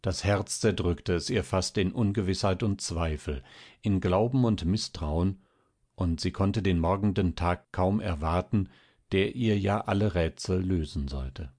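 A man calmly narrating an old German novel in a measured audiobook reading. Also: low-pitched. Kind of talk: scripted narration.

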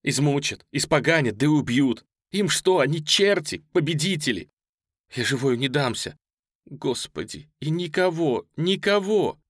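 A man's voice: fairly high pitch, lively intonation, a little slow, breathy edge, no echo, clean studio sound, pitched above the performer's own voice. A man reading a novel aloud, voicing a terrified young mother who wails and pleads. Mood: terrified, wailing. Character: frightened young mother, panicking.

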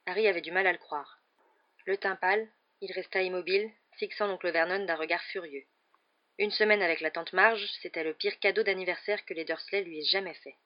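A reader narrating an audiobook chapter in a steady storytelling tone. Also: mid-range voice, brisk. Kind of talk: scripted narration. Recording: dull lo-fi recording.

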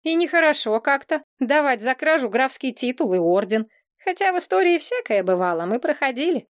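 A woman voicing a calm, wry young prince. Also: high-pitched, a little fast, no echo, studio quality.

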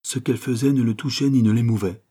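A man narrating a classic novel as an audiobook, measured and expressive. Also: medium pitch, slightly rough. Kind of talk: scripted literary narration.

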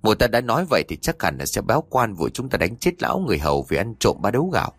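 Give me a nagging, venomous wife plotting in hurried tones, as a man puts her on. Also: on the low side, sing-song, slightly rough, dry recording, full character voice. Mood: scheming urging. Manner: hissing, urgent whispering and goading. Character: scheming cruel wife, middle-aged woman.

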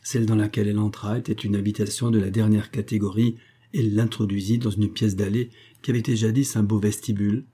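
Dark, husky male audiobook narrator. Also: on the low side, little pitch movement, fast talker. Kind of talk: reading a Victorian novel aloud.

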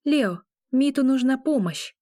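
A woman's voice: lively intonation, a little slow, mellow, no echo, clean studio sound. A woman voicing a frightened, pregnant young she-wolf woman who speaks with hysterical, accusing notes. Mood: fearful. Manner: high-strung, fearful, accusing.

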